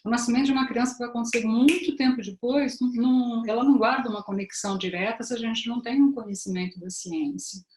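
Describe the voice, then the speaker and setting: A woman's voice: on the high side, fast talker, hardly any pauses, a little mellow, roomy sound, slight background noise. A woman with a Brazilian Portuguese accent, a therapist giving an informal live-stream talk. She speaks conversationally, often adds tag questions and addresses her viewers directly.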